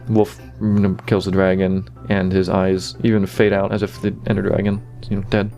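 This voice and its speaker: A man giving casual behind-the-scenes commentary on his own animation, relaxed and full of fillers like "you know" and "kinda". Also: sits low, normal speed, faint music behind.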